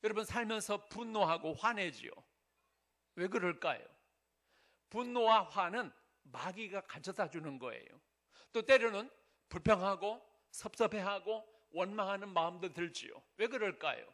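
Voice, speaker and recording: A man's voice: high-pitched, lively intonation, normal speed, a bit bright. A male pastor giving a sermon in an earnest, conversational way, asking the congregation rhetorical questions. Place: church sanctuary.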